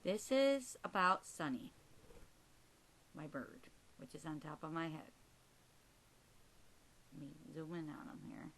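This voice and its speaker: A woman's voice: deep voice, sing-song, slow pace, pauses often, fairly bright tone, low-quality recording. A woman chatting casually to her pet budgie, coaxing it with short repeated prompts and endearments. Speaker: pet owner filming her bird. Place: recorded while handling the camera herself.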